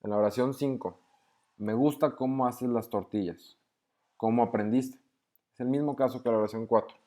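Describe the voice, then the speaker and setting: A man's voice: mid-range voice, steady tone, moderate pace, dark tone. A young man patiently walks through grammar exercises, reading each sentence aloud and explaining it step by step. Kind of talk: screen-recorded lesson walkthrough.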